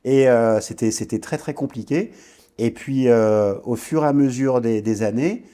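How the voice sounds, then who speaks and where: A man's voice: medium pitch, normal speed, mellow. A man in his forties from French Guiana, a guest entrepreneur recounting his career in an interview, hesitating and restarting often. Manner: reflective storytelling, frequent hesitations and restarts. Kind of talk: podcast interview.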